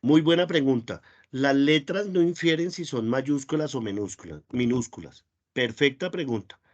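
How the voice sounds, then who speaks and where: A man's voice: medium pitch, normal speed, lo-fi sound. A man teaching a spreadsheet class online, patient and repetitive, often praising questions.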